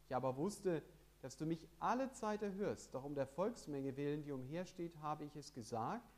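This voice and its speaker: A man preaching a sermon with lively emphasis, reading scripture passages aloud. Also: fairly high pitch, normal speed.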